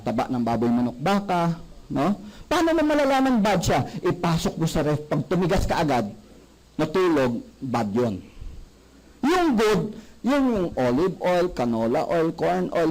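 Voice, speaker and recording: A man giving a sales seminar, animated and often asking the audience questions. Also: on the high side, low-quality recording. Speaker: product presenter.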